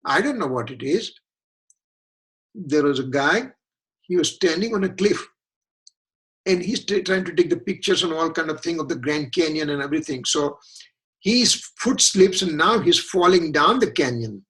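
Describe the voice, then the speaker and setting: A man's voice: fairly high pitch, expressive, moderate pace, a bit bright, low-quality recording. Man teaching scripture, hesitant. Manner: hesitant, frequent restarts, explanatory. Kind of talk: religious lecture.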